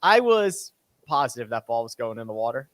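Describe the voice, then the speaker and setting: A man hosting a golf podcast, talking in halting casual chat and restarting his phrases. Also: medium pitch, very animated, fairly bright tone, dry recording. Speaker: podcast host.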